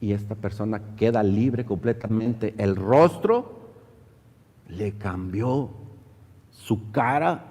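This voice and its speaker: A man's voice: slow pace, long pauses, warm tone. A middle-aged man preaching a sermon as pastor, telling stories and acting out the people in them. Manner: storytelling, acts out quoted voices with rising pitch. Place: church hall. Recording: church hall reverb.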